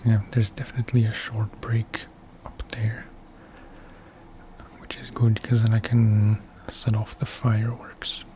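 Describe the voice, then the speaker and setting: Male ASMR game player. Hushed and whispery, slow, soft and dark in tone, thinking aloud. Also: on the low side, completely flat delivery. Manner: musing aloud in short phrases. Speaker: video game player commentating.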